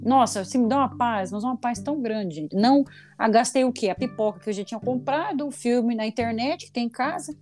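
A woman's voice: a little high, fairly quick, hardly any pauses, faint music behind. Chatty, frank woman in her thirties. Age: 30s. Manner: chatty, expressive, jokey with frank swearing. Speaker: podcast host. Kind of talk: casual podcast chat.

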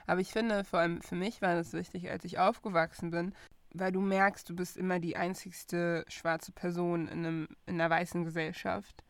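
A young woman co-hosting a relaxed conversation, animated and quick to laugh. She drops English phrases into her talk now and then. The recording is dry and close, with no room sound. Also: on the low side, dry recording. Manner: lively, mixes English phrases into German, laughs often. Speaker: podcast co-host. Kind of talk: casual chat.

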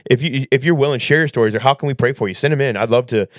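A man's voice: medium pitch, racing, no room sound, studio quality. A man hosting a casual podcast, talking earnestly about faith and asking and answering his own questions like a preacher. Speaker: podcast host.

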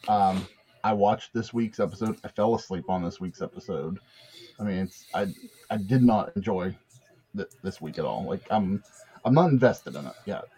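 A man's voice: fairly low pitch, normal speed, mellow, a little hiss or hum. A man chatting casually about wrestling, laid-back and hesitant. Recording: dull lo-fi sound.

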